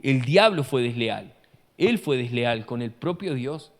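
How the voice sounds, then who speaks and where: A man, a pastor preaching an animated sermon full of rhetorical questions, recorded in a church hall. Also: medium pitch, measured pace. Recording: long church-hall reverb.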